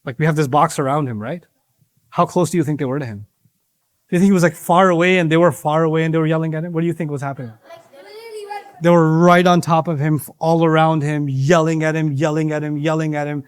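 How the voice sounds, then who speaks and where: A man's voice: fairly high pitch, steady tone, fast talker, smooth, no room sound. A man giving an interactive religious lesson to young people in a mosque, playful and teasing, acting out bits of dialogue. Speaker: teacher of young audience.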